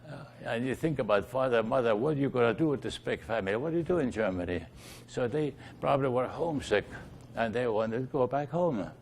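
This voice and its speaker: An older man from Estonia, a native Estonian speaker, slowly recalling his family's past in an oral history interview, with many fillers and restarts. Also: medium pitch, animated, gravelly, darkish tone, a little hiss or hum.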